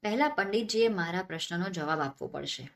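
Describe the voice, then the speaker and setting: Woman voicing a calm clever poet. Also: on the low side, brisk, vocal fry. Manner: calm, quietly firm.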